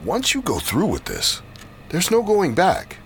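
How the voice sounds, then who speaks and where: A man playing a doctor who questions a patient in a measured way before a risky procedure. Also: sits high, wildly swooping pitch, gravelly, slight background noise, full character voice. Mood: probing. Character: calm clinical man, procedure doctor, probing.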